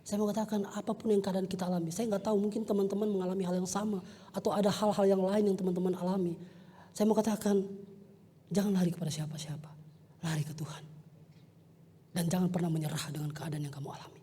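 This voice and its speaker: Male youth preacher, warm husky tone, lively storyteller, echoey church hall. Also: high voice, fast. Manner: animated personal storytelling, joking with listeners. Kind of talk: youth service sermon.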